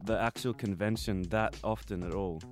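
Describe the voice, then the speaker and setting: A man's voice: lowish voice, moderate pace, darkish tone, soft background music. A young man co-hosting a casual podcast, rambling with fillers and laughing easily. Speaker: podcast co-host. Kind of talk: casual chat.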